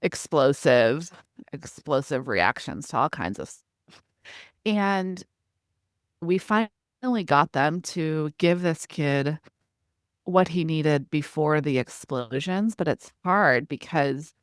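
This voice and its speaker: Lower-voiced woman expert, animated and dry. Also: no room sound. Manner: animated, acts out parent-child exchanges in quick quoted asides. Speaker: parenting expert guest. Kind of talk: conversational interview.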